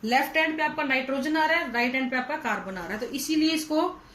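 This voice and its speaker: High-voiced woman teaching a lecture. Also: quick pace, fairly bright tone. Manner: explains step by step, calls students 'beta'. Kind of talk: whiteboard lecture. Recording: echoey room, faint hum.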